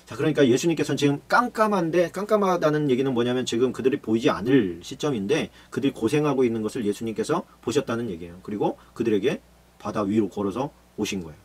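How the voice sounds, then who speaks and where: A man, a pastor, giving a lively Bible study lecture and acting out the scenes he explains. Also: mid-range voice, fast talker, breathy edge. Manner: animated, acts out disciples and Jesus in shouted voices.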